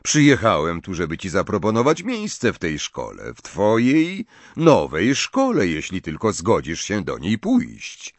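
A man voicing a calm, patient old male wizard who is a teacher. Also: deep voice, dry recording, heavily acted. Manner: patient, gentle, unhurried.

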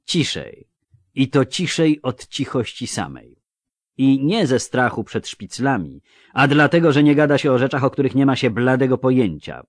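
A male narrator voicing a solemn, knowing older male dwarf who speaks gravely and with emphasis. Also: medium pitch, very animated, moderate pace, dry recording, studio quality, voice pushed up, lightly acted.

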